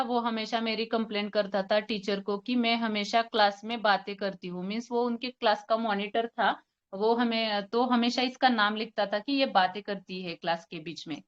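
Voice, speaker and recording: Young woman doctor, smooth and fairly high voice, slightly muffled lo-fi audio, retelling a consultation for colleagues. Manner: retells a patient consultation, quoting both sides, with hesitant fillers. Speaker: homeopathic doctor. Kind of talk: case presentation to a forum.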